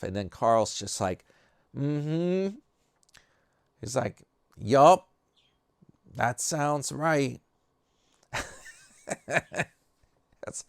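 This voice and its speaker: Slow, rambling New York man. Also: lowish voice, smooth, no echo, clean studio sound. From New York area. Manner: rambling, loose, with many fillers and restarts. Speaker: commentary vlogger. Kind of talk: casual rambling commentary.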